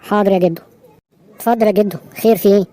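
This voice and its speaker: Headstrong young Egyptian detective, voiced by a woman, rapid and mellow. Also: medium pitch, steady tone, lightly acted. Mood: determined. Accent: Egyptian Arabic. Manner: boastful, reassuring. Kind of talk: Egyptian cartoon dub acting.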